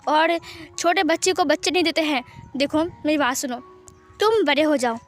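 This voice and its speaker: Woman voicing a flustered young man, stammering, pleading, high-pitched, faint music. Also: moderate pace, lightly acted. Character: flustered, cautious young husband.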